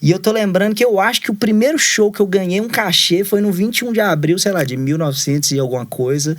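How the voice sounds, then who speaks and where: A man's voice: sits high, fast. A Brazilian man in his thirties, a musician being interviewed, chatting casually and rambling through stories with constant little fillers. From Brazil, raised in Minas Gerais. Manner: rambling storyteller, fills every phrase with "né" and "assim". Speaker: musician guest.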